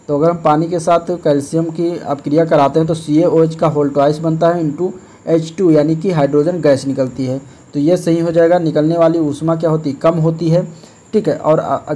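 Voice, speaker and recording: A man teaching as an exam-prep tutor, working through practice questions step by step and often checking in with "okay". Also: a little high. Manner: steady explanatory, repeats "ठीक है", frequent fillers. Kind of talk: explaining practice test questions.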